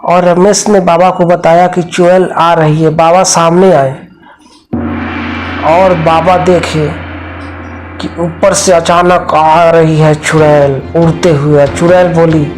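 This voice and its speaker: Slow-talking male horror storyteller. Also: a little high, flat delivery, faint music behind. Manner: plain, repetitive storytelling. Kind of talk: amateur cartoon horror narration.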